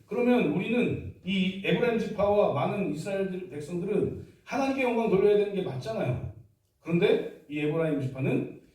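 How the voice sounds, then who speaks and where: A man's voice: high voice, a little mellow. A man preaching a sermon as pastor in a church, emphatic and firing rhetorical questions at the congregation. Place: church sanctuary. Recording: echoey hall from far off.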